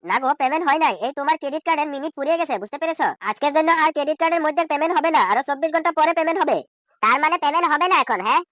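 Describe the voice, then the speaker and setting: Racing along with a sharp tone, a man voices a worried, exasperated village man in an amateur comedy cartoon, scolding and repeating questions indignantly via a pitch-shift effect. The studio recording is clean, with no echo.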